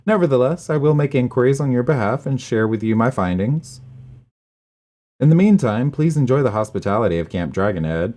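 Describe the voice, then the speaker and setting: A man's voice: medium pitch, animated, a little fast, dark tone, lightly acted. A man voicing a gallant, welcoming male knight commander, reading game dialogue aloud in a formal, dramatic tone.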